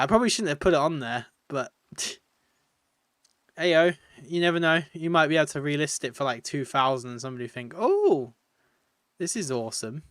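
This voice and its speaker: A man's voice: mid-range voice, fairly bright tone, clean tone, no room sound, studio quality. A tired man, chatting casually and rambling while live-streaming a video game, often laughing at his own jokes.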